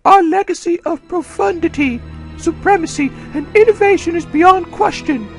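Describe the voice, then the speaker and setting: A pinched, snobby villain, very high. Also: male voice, moderate pace, faint music behind. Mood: haughty. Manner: haughty, theatrical pronouncements. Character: snobby, unhinged young male aristocrat villain.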